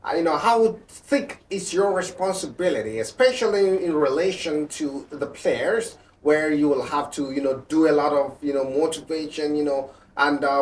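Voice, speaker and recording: A man interviewing a football captain, asking long rambling questions full of fillers. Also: on the high side. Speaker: sports interviewer. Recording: roomy, distant mic with light noise.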